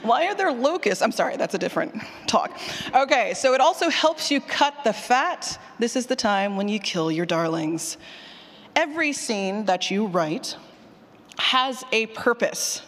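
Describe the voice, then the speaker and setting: A woman running an audio drama writing workshop addresses a conference crowd, her fairly high voice echoing through a reverberant room. She takes her time, yet stays lively and informal, with emphatic delivery, slang, the odd mild swear, and frequent questions thrown to the room.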